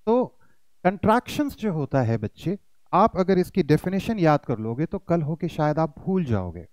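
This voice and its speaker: A man's voice: fairly high pitch, big pitch swings, normal speed, a little mellow, no echo, poor audio. A man teaching pronunciation in an online lesson, addressing his students as kids and demonstrating rising and falling intonation.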